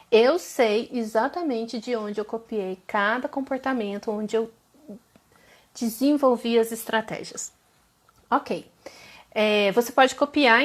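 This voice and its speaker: A woman from Brazil, a therapist giving an informal online lecture, who often checks in with her listeners. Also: on the high side.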